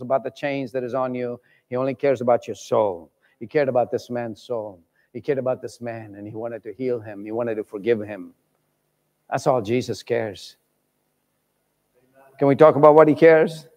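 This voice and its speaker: A man preaching a passionate sermon, swinging between loud calls and hushed pleading. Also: mid-range voice, steady tone, normal speed, long reverb tail, highs cut off. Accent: British. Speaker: pastor. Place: church hall.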